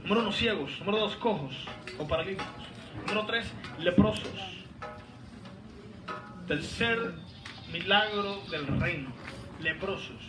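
A man preaching a sermon as pastor, fervent, with sudden shouts and teasing asides. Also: high voice, unhurried, long pauses, over music. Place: large hall, voice heard from a distance. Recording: echoey hall, distant mic, background noise.

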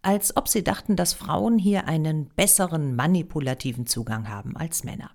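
A woman's voice: sits low, moderate pace, darkish tone. A woman explaining history as a podcast host, with wry, ironic emphasis.

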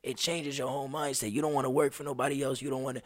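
Young man, twenties, slangy animated storyteller, mid-pitched voice, dry close sound. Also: very fast, no room sound. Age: 20s. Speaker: podcast guest, street performer. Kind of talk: casual conversation.

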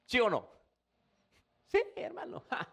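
Animated pastor preaching to his brothers. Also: very high voice, slow pace, gravelly, slightly rough. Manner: conversational preaching, addresses listener as brother, rising emphatic bursts. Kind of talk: sermon.

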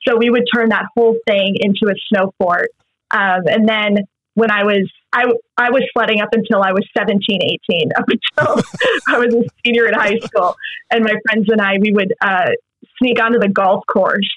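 The interview guest is a young actress from Massachusetts, USA, who chats casually while giggling and chuckling. Her medium-pitched voice keeps fairly even intonation at a moderate pace, in a close, dull, slightly lo-fi recording with no echo.

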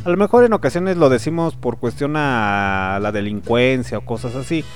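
A man's voice: medium pitch, normal speed, faint music behind. A man from León, Guanajuato, with a Bajío Mexican accent, hosting a casual radio chat, slangy and joking, swearing freely. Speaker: radio host.

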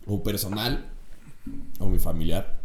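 A young man with a Mexican accent in casual, animated chat, laughing and acting out scenes. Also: low voice, unhurried. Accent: Mexican Spanish.

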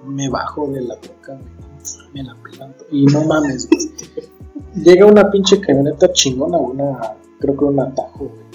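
Young mexican guy w a soft mellow tone, casual slangy storytelling, swears a lot, dull audio, faint music. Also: medium pitch, normal speed. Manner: slangy, profane, emphatic. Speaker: podcast host. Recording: dull sound, music behind.

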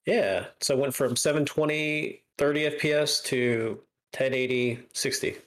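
This gaming stream host speaks at a measured pace in a mid-range, somewhat bright voice. His casual podcast chat is rambling and filler-heavy, with frequent restarts and self-corrections.

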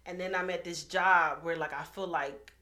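A woman in her thirties, telling her own story in a casual interview, candid and animated, often acting out what others said. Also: fairly low pitch, normal speed. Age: 30s. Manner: candid, animated, acts out quoted voices. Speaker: guest.

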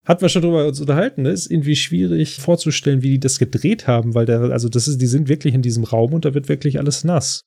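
A podcast co-host with a medium-pitched, gravelly, mellow voice that's slightly rough recaps a TV episode in casual chat. He talks quickly with few pauses, rambling loosely and using lots of fillers.

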